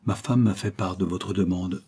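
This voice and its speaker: A man reading an audiobook voices a cautious, courteous middle-aged industrialist who speaks in a measured, polite way. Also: deep voice, fairly even intonation, dark tone, husky. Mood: polite caution.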